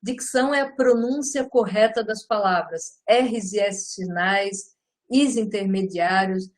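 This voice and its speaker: A middle-aged woman gives a lively live lecture on public speaking. She often turns to her listeners and ends her phrases with tag questions. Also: medium pitch, a little slow, rough recording. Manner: lively and animated, often addresses listeners as "gente".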